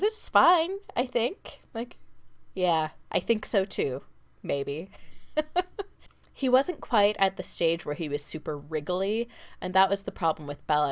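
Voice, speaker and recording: A woman co-hosting a podcast, telling stories in casual chat and laughing often. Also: fairly low pitch. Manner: chatty storyteller, laughs often. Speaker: podcast co-host. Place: home.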